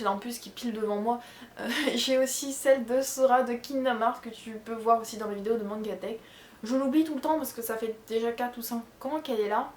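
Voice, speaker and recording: On the high side, the young woman's voice sounds through an echoey room with slight background noise. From her bedroom, the vlogger, who has a Charente accent from France, casually answers her viewers' questions, wandering off track with fillers and self-corrections.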